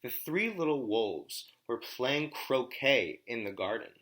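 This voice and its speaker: With an expressive, slightly bright mid-range voice, a man reads aloud to children in the style of a teacher. He chooses plain, careful wording and breaks off to pose comprehension questions.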